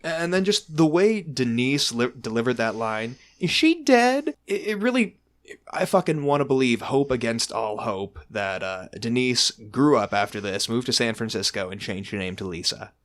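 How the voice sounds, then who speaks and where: A man's voice: medium pitch, normal speed, few pauses. A man hosting a casual, profane chat about a movie, rambling and joking with lots of fillers. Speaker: podcast host.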